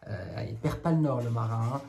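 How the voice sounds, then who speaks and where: A man's voice: mid-range voice, animated, brisk, darkish tone. A man reading a children's tale aloud, breaking off now and then for casual, wry commentary. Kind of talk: read-aloud with jokey spoken asides.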